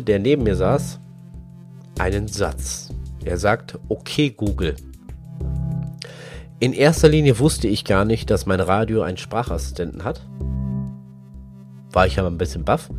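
A young man tells a lively anecdote about a fishing trip, acting out the dialogue, with music behind him. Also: on the low side. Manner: lively, animated anecdote telling with quoted dialogue. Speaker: fishing content creator. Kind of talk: casual storytelling.

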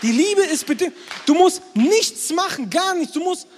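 A man in his twenties preaching to a live crowd, energetic and constantly checking in with the crowd. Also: very high voice, moderate pace, slight background noise. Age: 20s. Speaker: youth preacher. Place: hall with an audience, also streamed. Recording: long hall reverb.

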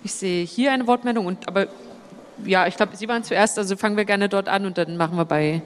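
A woman moderating a panel discussion and handing out the floor briskly. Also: mid-range voice, a little hiss or hum. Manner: brisk, organizing speakers and questions. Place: conference hall with audience. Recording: long hall reverb.

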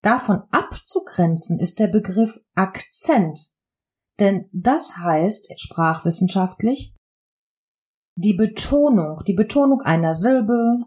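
A woman hosting a podcast as a voice coach, explaining terms in a deliberate, teaching manner. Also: lowish voice, darkish tone.

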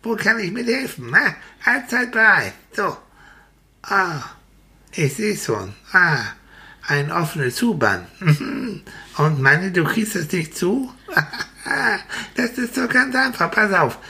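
A woman telling a guided story to a child, soothing and slow, sometimes whispering. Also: mid-range voice, lively intonation, pushed and bright.

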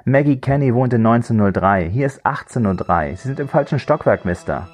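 A man's voice: mid-range voice, lively intonation, normal speed, a little mellow, faint music behind, pitched above the performer's own voice, close to an everyday voice. A man voicing an irritated, blunt woman in an audiobook thriller. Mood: curt. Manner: curt, snappish.

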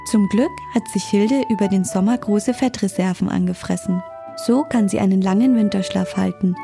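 A woman calmly narrating a children's audio story. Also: medium pitch, normal speed, vocal fry, music in the background.

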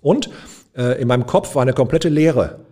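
A man's voice: medium pitch, moderate pace, dark tone. A middle-aged man, a de-escalation trainer, telling a personal anecdote in a colloquial, humorous podcast chat. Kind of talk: conversational podcast storytelling.

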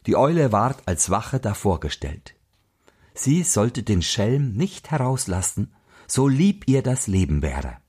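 A man reading a fairy tale aloud in an expressive, unhurried storytelling manner. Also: on the low side, breathy edge. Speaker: narrator.

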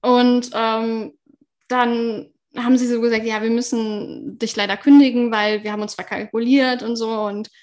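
Chatty young woman, higher voice. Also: level tone, normal speed, darkish tone. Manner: chatty, laughs often, many fillers. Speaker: podcast guest. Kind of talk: casual storytelling chat.

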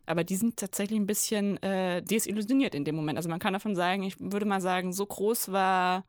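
A woman's voice: mid-range voice, steady tone, fast, dry recording, studio quality. A woman with a German accent, a political reporter explaining her research in a thoughtful podcast conversation, often restarting her phrases.

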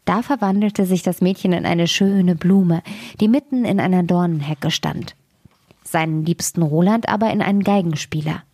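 A woman narrating a fairy tale aloud in measured storytelling, sometimes dropping to a whisper at grim moments. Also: fairly low pitch, dark tone, no room sound.

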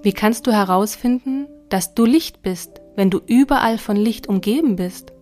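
Kind patient god done by a woman reader, calm and gentle, faint music behind. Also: mid-range voice, normal speed, lightly acted.

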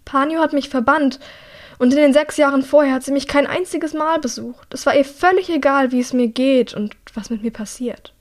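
A woman reading an audiobook, voicing a grieving young woman who speaks softly and tearfully. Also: sits high, normal speed, voice pushed up, lightly acted. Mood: remorseful. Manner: soft, tearful, often whispered. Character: grieving young woman, exiled and guilt-ridden.

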